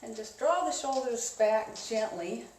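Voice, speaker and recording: A woman instructing an indoor spin class in a casual, conversational coaching style, giving gently encouraging cues. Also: on the high side, animated, a little slow. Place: indoors, echoey room. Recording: echoey room, distant mic, clear noise.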